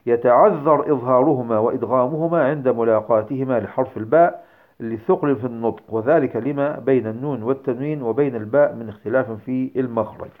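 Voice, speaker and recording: A man gives a lecture, pausing often on hesitation sounds before slowing down to recite his examples with care. His voice sits at a middle pitch. The recording is thin and narrow, like a phone line. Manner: explains step by step with many hesitations, demonstrates recitation slowly. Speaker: teacher.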